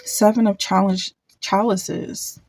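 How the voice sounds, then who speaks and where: A woman's voice: medium pitch, little pitch movement, a little mellow. Lady doing a chill tarot reading, kinda stop-start, restarts her words a lot. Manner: thinks aloud, halting, repeats and restarts words. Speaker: tarot card reader. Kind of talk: casual pick-a-card tarot reading.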